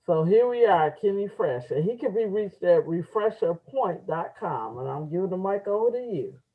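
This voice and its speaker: A woman's voice: lowish voice, animated, normal speed. A woman hosting an open mic with casual introductions, sometimes stumbling over words she reads out and repeating them. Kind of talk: casual live event introductions. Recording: dull lo-fi live event audio.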